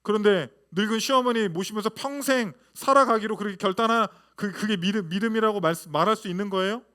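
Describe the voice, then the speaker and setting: A man in his thirties, a pastor, preaching a lively sermon full of rhetorical questions to his congregation. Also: sits high, fast, clean tone.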